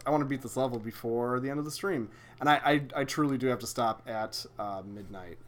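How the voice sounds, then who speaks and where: A young man casually chatting with viewers while streaming a video game, swearing and exclaiming as he plays. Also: medium pitch.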